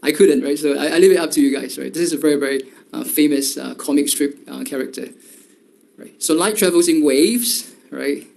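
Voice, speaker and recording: Man lecturing with a gravelly voice. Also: a little high, fairly quick, a little mellow. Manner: filler-heavy, repeats "right?" and "okay". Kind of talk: university lecture.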